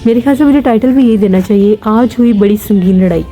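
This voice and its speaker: A woman's voice: medium pitch, quick pace, mellow, soft background music. A woman family vlogger from Pakistan giving amused, chatty live commentary while filming birds outdoors.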